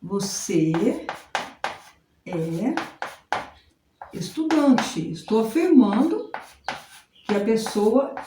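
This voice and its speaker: A woman from Brazil teaching an informal English lesson. She explains slowly, repeats herself and often adds little checks like "right?" and "look". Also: a little high, very animated. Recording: echoey room with faint noise.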